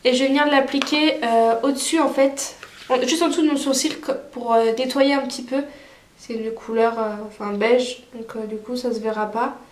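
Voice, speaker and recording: Talking at normal speed in a fairly high, fairly even voice, this woman walks through a makeup tutorial while congested from a cold. The beauty vlogger's casual chatter is full of fillers, and the recording sounds roomy.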